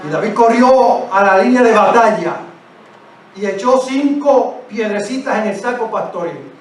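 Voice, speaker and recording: A male preacher gives an emphatic sermon, hammering his points with repetition and direct appeals. His voice sits high. He is heard from a distance in a very echoey church, with faint room noise. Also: expressive, unhurried. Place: church sanctuary.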